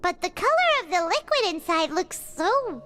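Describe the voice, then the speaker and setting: An actress voicing Paimon, a tiny, excitable fairy companion in a video game, chatty and squeaky, who talks about herself in the third person. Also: female voice, normal speed, heavy background noise. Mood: nervous. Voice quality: squeaky, childlike. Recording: game audio with loud music. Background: loud game music.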